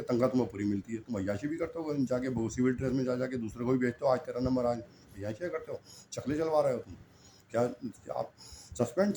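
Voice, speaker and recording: A man's voice: mid-range voice, dark tone, slight background noise. Impassioned middle-aged male preacher. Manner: impassioned, scolding, rhetorical questions. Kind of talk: sermon.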